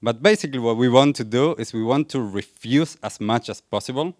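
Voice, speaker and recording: A young Argentine man with an Argentine accent, a wellness coach and speaker, talks earnestly to a live audience at an event venue, asking them questions and laughing lightly. His mid-range voice is brisk, and the recording is dry with clean studio sound.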